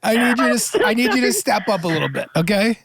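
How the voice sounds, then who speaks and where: A man's voice: high-pitched, expressive, quick pace, gravelly, fairly bright tone. A man co-hosting a comedy podcast, directing a caller through a role-play and often breaking into laughter. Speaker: podcast co-host.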